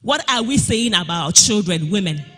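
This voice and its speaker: A man with a very high, husky voice preaches an impassioned sermon. His delivery swings from hushed asides to shouted, sing-song declarations, with lively pitch movement. The church sanctuary around him leaves a long reverb on every line. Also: normal speed, faint music behind.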